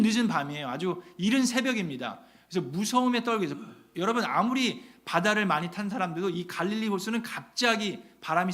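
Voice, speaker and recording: A man with a high voice preaches a revival sermon in a church. He tells the story dramatically, firing rhetorical questions at the congregation. His volume swings from loud and urgent down to a near hush. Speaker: pastor. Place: church sanctuary.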